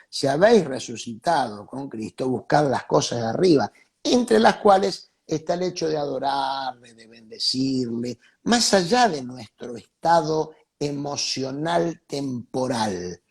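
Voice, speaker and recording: A man's voice: on the high side, gravelly, a little mellow, breathy edge. A man, a pastor guest giving a reflective faith talk, preaching and repeating key phrases for emphasis.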